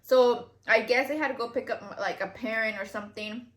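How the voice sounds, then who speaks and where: A woman's voice: on the high side, normal speed, a bit bright. A woman telling a long story to her viewers in casual chat, rambling with lots of fillers and cursing freely. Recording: echoey room.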